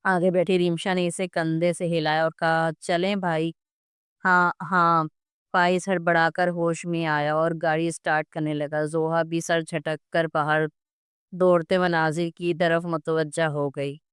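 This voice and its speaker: A woman reading a romance novel aloud as a steady, even storyteller, recorded close to the mic. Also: low-pitched, moderate pace, smooth, no room sound. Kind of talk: scripted narration of a romance novel.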